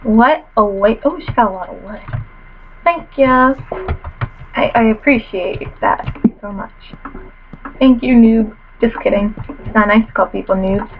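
A woman's voice: mid-range voice, moderate pace, a little hiss or hum. Sniffly teen girl gaming, dull mic. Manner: chatty, self-mocking, playful trash talk. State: sniffly after a cold. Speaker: gamer commentator. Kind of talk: casual gameplay commentary.

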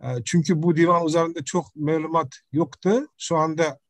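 A middle-aged man with an Uzbek accent giving an academic presentation on a video call, speaking halting, broken non-native Turkish mixed with Uzbek. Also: a little high, little pitch movement, dry recording. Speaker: professor presenting research. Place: indoor room, video call. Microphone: computer microphone on video call.

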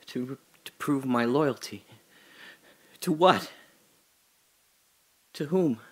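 Playing a rambling man in detention for an audio drama, an actor uses a mid-range voice that sounds bitter, sardonic and paranoid. He swings from hushed musing to indignant rants.

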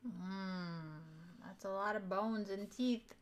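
A woman's voice: medium pitch, fairly even intonation, slow. A young woman chatting casually and playfully as she plays a board game. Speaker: board game player and show host. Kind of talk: casual game-table chat. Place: indoor room at a game table.

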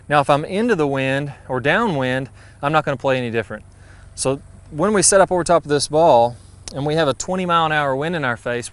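A man, giving a brisk, friendly golf lesson outdoors on a putting green, recorded on a lapel mic. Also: medium pitch, a bit bright. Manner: brisk, friendly, practical coaching. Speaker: golf instructor.

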